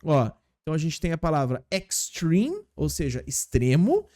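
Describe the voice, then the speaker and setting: A man's voice: on the high side, very animated, normal speed, dark tone. A man teaching English in a casual video lesson, explaining step by step and often checking in with his viewers.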